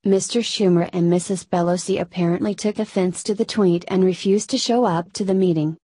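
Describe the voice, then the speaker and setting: A woman narrating scripted news in an even read-aloud delivery that garbles abbreviations. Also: lowish voice, fairly quick, slightly rough, no room sound.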